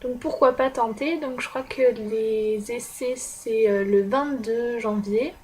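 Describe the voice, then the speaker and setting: Slow-talking French teenage girl. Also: fairly high pitch, darkish tone. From France. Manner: chatty, hesitant, many filler sounds. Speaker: exchange student vlogger. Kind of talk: casual vlog recap.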